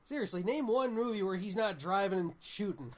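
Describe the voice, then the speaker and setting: Jokey guy on a podcast, voice a bit high, pushes his points hard. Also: animated, fairly quick, noisy background. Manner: emphatic, joking, puts on mock voices. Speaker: podcast co-host. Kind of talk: casual chat.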